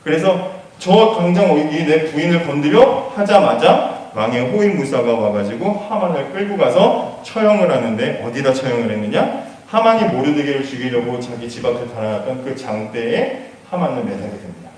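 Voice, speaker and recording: Animated man preaching in an echoey room. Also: mid-range voice, moderate pace, far from the mic. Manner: animated retelling that acts out the characters' lines. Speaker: pastor. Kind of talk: storytelling sermon.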